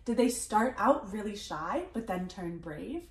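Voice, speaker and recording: A woman teaching first graders in a recorded reading lesson, speaking clearly and encouragingly. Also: mid-range voice, animated, a little slow, reverberant.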